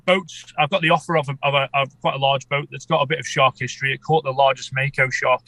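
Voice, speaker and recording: A man's voice: medium pitch, fairly even intonation, fast talker, sharp tone, dry recording, low-quality recording. A man chatting casually as an interview guest, congested with a head cold so he sounds underwater. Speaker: podcast guest, amateur shark expedition filmmaker.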